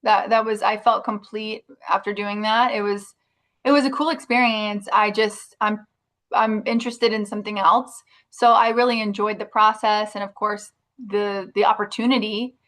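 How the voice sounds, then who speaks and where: Woman guest, mid-pitched, chatty, loose and conversational. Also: steady tone, moderate pace, fairly bright tone. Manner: chatty, frequent restarts and fillers like "like". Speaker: actress and interview guest. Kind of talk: casual interview chat.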